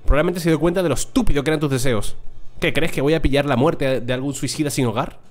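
A man's voice: a little high, quick pace, soft background music, close to an everyday voice. A man with a Spain accent voicing a sulky, defiant teenage girl who talks back to her father.

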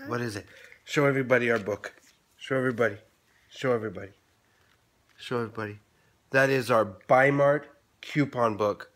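A woman filming a casual home video, gushing with mock excitement, giggling often and playing up the joke. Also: a bass voice, a little fast, pauses often. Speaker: parent vlogger. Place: home in the morning. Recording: roomy echo.

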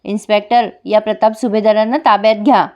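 A woman's voice: mid-range voice, level tone, fast, darkish tone, highs cut off, close to an everyday voice. Woman reading as a scornful narcotics officer. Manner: curt and mocking.

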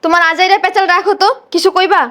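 An actress playing a rude young daughter heading to class, answering back curtly. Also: female voice, extremely high pitch, flat delivery, rapid-fire, a bit bright. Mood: snappish. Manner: curt, snappish.

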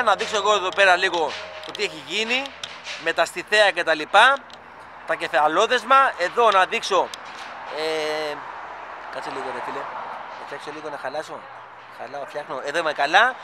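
Greek fan vlogger, high voice, eager chat, outdoor site noise behind. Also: male voice. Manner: chatty, enthusiastic, addresses viewers as "guys". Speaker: fan vlogger filming a stadium construction site. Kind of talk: casual handheld vlog commentary. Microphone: camera mic, filming handheld.

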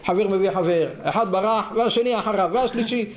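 A man's voice: high voice, close to an everyday voice. A man voicing a poor male shepherd who pleads tearfully for mercy. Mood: pleading. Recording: echoey room, faint noise.

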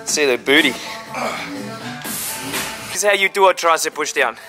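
A man's voice: fairly high pitch, animated, moderate pace. A young man, a fitness trainer, casually explaining a workout in a gym. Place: large gym, indoors. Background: music.

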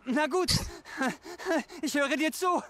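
Scared young game tribesman, way high voice, keeps repeating himself. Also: fairly bright tone, full character voice. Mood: troubled. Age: young adult. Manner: pleading, halting, repeats himself. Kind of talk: video game dialogue.

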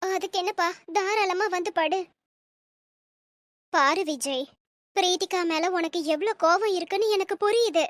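A woman's voice: very high voice, a little slow, pauses often, fairly bright tone, dry recording. A woman voicing a stern, possessive middle-aged mother in a storybook drama, scolding and coddling her son. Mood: soothing. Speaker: mother of the young man.

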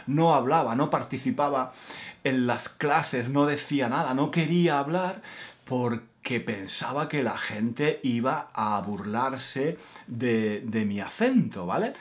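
Slow-talking Andalusian man in his 50s. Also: mid-range voice. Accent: Andalusian (Granada). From Granada, Spain. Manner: slow, repetitive, emphatic, with frequent fillers. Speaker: Spanish teacher. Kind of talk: storytelling lesson for learners.

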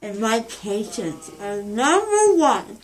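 Dazed, slow-talking young woman. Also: on the high side, big pitch swings, soft background music, low-quality recording. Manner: dazed, groggy, rambling after anesthesia. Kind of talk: casual chat. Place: small indoor room, lying on a pillow. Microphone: phone held near, off the speaker.

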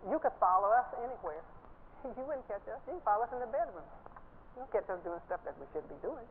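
An older woman delivers a sermon from a large church stage. Her high voice climbs when she drives a point home, and she laughs along the way. The sound is narrow and phone-like, with a faint hiss underneath. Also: quick pace. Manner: animated, laughing, rising pitch when stressing points. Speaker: preacher.

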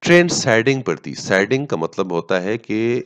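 A man teaching a story as a lesson, reading each English line slowly and then explaining it at length with pauses and fillers. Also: lowish voice, big pitch swings, fairly bright tone. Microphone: voice-over on slides.

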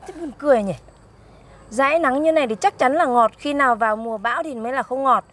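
A woman with a husky voice bickers in a comedy skit. She boasts and defends herself, talking fast at a high pitch. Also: fairly bright tone. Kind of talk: comedic banter.

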